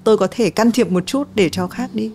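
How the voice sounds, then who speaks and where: Woman, middle-aged, podcast host, mellow dark voice, thoughtful questions, lots of fillers. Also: mid-range voice, fairly quick, slight background noise. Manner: thoughtful, asks open questions with many fillers. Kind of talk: relaxed interview chat.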